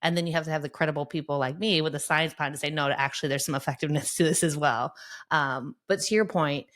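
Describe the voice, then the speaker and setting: A woman's voice: sits low, fairly even intonation, fast, fairly bright tone. A middle-aged woman, a sports psychologist, speaking earnestly and encouragingly in a podcast interview, often checking in with "right?".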